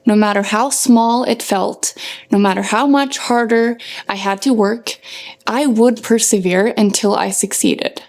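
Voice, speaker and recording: With a fairly high, slightly mellow voice, this young running coach from Norway reads a motivational script to her viewers. Her phrasing is emphatic and sincere, in keeping with her work as a content creator.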